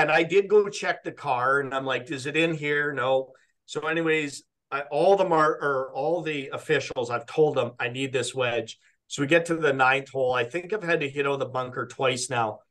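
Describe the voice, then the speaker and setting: A young man from Canada tells a long, rambling story on a podcast, with a slightly high voice for a man. He keeps jumping back into quoted self-talk and leans on "like" as he goes. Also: fairly bright tone. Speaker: podcast guest. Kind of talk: casual storytelling.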